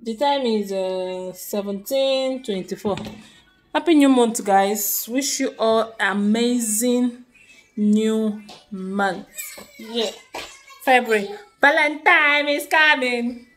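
A young Nigerian woman, a stay-at-home mom, chatting to her phone camera at home. She sighs, murmurs when tired and gets loud when excited. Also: slow pace, a little hiss or hum. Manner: chatty, sighing, switches between low tired murmurs and loud excited outbursts. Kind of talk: casual talking-to-camera vlog. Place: home kitchen and rooms, indoors. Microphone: phone camera held close.

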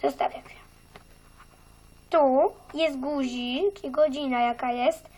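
Brief: a strict, high-voiced classroom teacher, played by a woman, slow and commanding, for a homemade toy role-play. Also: fairly even intonation, warm tone, rough recording. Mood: stern. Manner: stern, ordering children around. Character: bossy female schoolteacher choosing a class monitor.

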